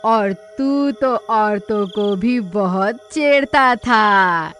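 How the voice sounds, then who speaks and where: A woman voicing a vengeful female witch spirit in a cartoon story, shrill and menacing. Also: extremely slow, fairly bright tone, soft background music. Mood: gloating.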